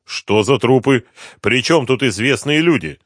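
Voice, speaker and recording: A man reading an audiobook, voicing a brutal, gruff male police inspector who talks harshly and with threats. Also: medium pitch, very animated, moderate pace, a bit bright, no room sound, studio quality, voice pushed up. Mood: angry interrogating.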